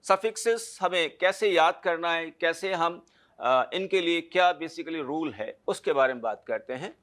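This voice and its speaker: A man's voice: a little high, animated, a little slow, a bit bright. A man teaching a chemistry lecture, explaining step by step and checking understanding with short tag questions. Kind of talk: classroom lecture.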